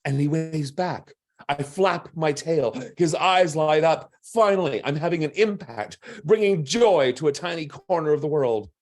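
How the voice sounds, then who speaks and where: A man with a gruff voice reading his own story aloud with wry, punchline-driven delivery. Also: on the high side, expressive, measured pace. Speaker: storyteller and drag performer.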